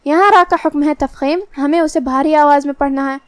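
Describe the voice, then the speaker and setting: A woman's voice: high voice, steady tone, no room sound, clean studio sound. A woman with an Urdu accent teaching Quran recitation rules, explaining patiently and methodically, step by step. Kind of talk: tajweed lesson, explaining rules slowly.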